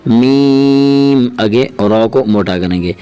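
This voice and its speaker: A man's voice: on the low side, fairly even intonation. A man, teaching Quran reading in a patient way, repeating his points and drawing out each recited letter. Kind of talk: explaining a lesson.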